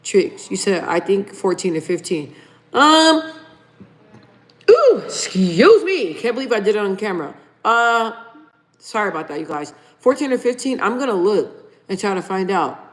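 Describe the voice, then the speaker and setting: Very animated, with a medium-pitched voice at a moderate pace, a woman in her thirties hosts a casual livestream. She chats informally, reads viewer comments out loud, and says "you guys" to her audience.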